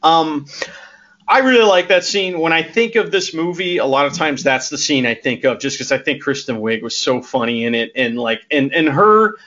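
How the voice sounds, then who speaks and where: Podcast co-host, male, bright and lively, laughs a lot, dull lo-fi recording. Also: fairly high pitch, moderate pace. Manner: animated, laughs often, acts out quoted lines. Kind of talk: casual movie recap chat. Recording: dull lo-fi audio.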